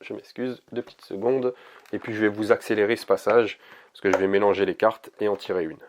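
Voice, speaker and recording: A man giving a casual oracle card reading to camera, hesitant and gentle, with many fillers and restarts. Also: fairly low pitch, fairly even intonation, fairly quick, noisy background.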